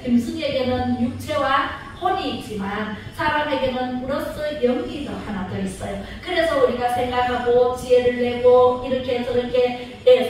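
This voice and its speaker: High-voiced woman preaching in an echoey church. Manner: animated storytelling, asks the congregation questions. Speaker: pastor. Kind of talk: sermon. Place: church sanctuary. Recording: very echoey church hall, distant mic, faint noise.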